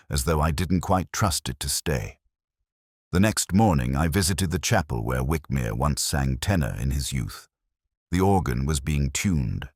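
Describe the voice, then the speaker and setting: Male actor as rumpled, melancholy inspector narrating detective drama; extremely low voice, expressive swings, dry close sound. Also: no echo, exaggerated voice. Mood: brooding. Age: middle-aged. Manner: measured, literary, brooding. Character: greying, sharp-witted, rumpled, melancholy English police inspector. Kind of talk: scripted first-person detective audio drama narration.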